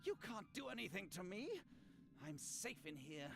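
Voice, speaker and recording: A man's voice: sits high, very animated, normal speed, gravelly, full character voice. A man playing a vain, righteous paladin in a fantasy spoof video game, declaiming theatrically. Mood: flustered, strained. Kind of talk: video game character acting. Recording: game music behind the voice.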